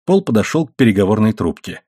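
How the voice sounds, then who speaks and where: Man reading a novel aloud, husky voice, lively pitch, dry close sound. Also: quick pace, dry recording. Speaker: audiobook narrator. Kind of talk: scripted audiobook narration.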